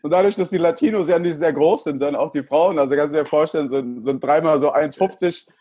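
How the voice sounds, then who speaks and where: This thirtysomething interview guest, raised in El Salvador, speaks fast in a casual way and tends to repeat himself. His voice is on the high side, husky and darkish, captured in a dry, clean studio recording.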